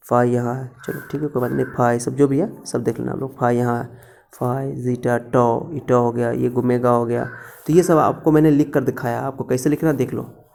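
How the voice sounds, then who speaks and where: A man's voice: mid-range voice, gravelly, darkish tone. A male teacher giving a casual lecture to students, repeating words often and speaking straight to them. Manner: repetitive, instructive, speaks directly to students.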